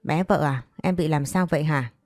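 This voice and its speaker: Jealous, hot-tempered older man, read by a woman with a low voice for an audio story. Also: moderate pace, a little mellow, dry recording, studio quality. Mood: pleading. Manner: angry, demanding.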